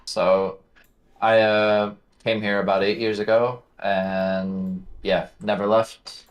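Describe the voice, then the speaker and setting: A man joins as a guest brewer, giving brief laid-back answers. His voice is low and stays fairly flat. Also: slow pace. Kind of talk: casual chat.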